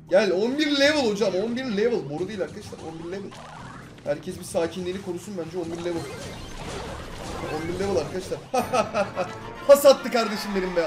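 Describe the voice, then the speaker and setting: A young man in his twenties giving excitable, slangy commentary over his own gameplay, swinging between calm asides and frustrated outbursts. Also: sits high. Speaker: gaming YouTuber.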